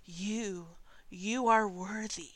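A woman puts on a mad little gnome man for a tabletop game. He is a cackling, crazed mad-scientist type with a clear voice, menacing and delighted with himself. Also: medium pitch, unhurried, fairly bright tone. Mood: crazed, appraising.

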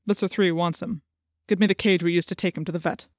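A woman's voice: fairly low pitch, steady tone, fast, dry recording, studio quality, voice pushed down, natural voice. A woman voicing a cruel, menacing man controlled by an alien parasite, snapping threats and commands in an audiobook. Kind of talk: audiobook character voice.

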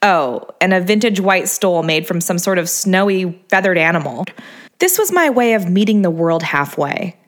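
A woman's voice: on the low side, animated, moderate pace. A woman narrating her memoir in a wry, self-mocking tone.

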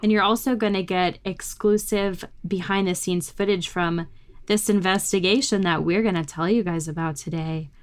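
A woman's voice: on the low side, steady tone, normal speed. A woman co-hosting a ghost podcast in casual chat, bubbly and enthusiastic. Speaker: podcast co-host.

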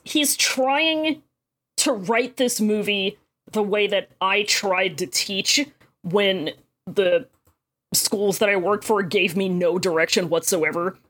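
A woman's voice: medium pitch, fairly bright tone. A young woman co-hosting a podcast, talking bluntly and swearing casually while discussing a film. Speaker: podcast co-host. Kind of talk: casual movie review chat.

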